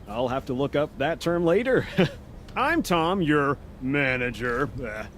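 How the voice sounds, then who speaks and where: Awkward cheery office boss in a game, highish lively voice, stumbles a bit, faint noise. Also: male voice. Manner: hesitant, stumbling corporate niceness.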